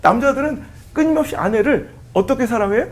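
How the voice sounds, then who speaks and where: A middle-aged man from the Chungcheong region, a pastor telling lively, laughing stories and acting out quoted lines on a church talk show. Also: extremely high pitch, quick pace. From Chungcheong region, South Korea. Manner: animated, laughing storytelling that acts out quoted lines.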